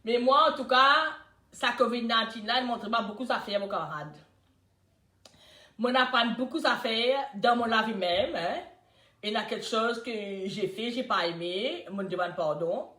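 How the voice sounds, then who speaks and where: An older woman with a Mauritian accent, hosting a casual live chat and telling stories in a lively way, swinging between loud and soft talk. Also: a little high, normal speed. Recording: roomy echo.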